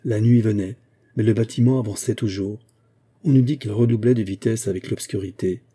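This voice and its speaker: A male audiobook narrator reads a classic novel in a steady, measured way. His voice is low and very dark, with a husky, slightly rough texture. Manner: measured, even storytelling.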